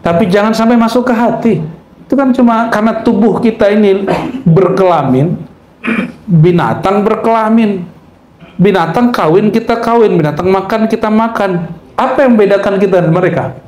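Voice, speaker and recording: A man's voice: high-pitched, moderate pace, darkish tone. A man giving a religious lecture on mysticism to a live audience, joking and quizzing his listeners and reciting Arabic phrases. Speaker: Islamic mysticism teacher. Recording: echoey room with faint background noise.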